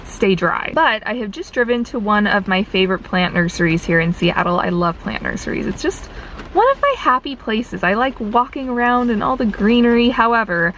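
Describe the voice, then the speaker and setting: A woman's voice: mid-range voice, expressive, normal speed, fairly bright tone, distant mic, a little hiss or hum, low-quality recording. A woman chatting casually and enthusiastically to viewers from inside a car, with rain on the car roof. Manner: informal, upbeat and enthusiastic. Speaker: vlogger. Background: rain pattering on car roof.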